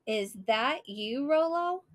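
A woman's voice: high-pitched, lively intonation, slow, pitched above the performer's own voice. A woman voicing a puzzled, concerned girl who keeps asking questions, reading from a storybook.

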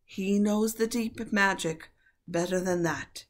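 A woman voicing a cold, cruel and imperious witch queen, shrill and sneering. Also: slow, close to an everyday voice. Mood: menacing.

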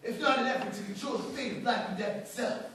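A man's voice: extremely high pitch, fast talker, a bit bright, slight background noise. A young man performing a brooding, self-important superhero who soliloquizes in a comic stage act in a classroom. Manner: melodramatic, soliloquizing. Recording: echoey classroom, far phone camera.

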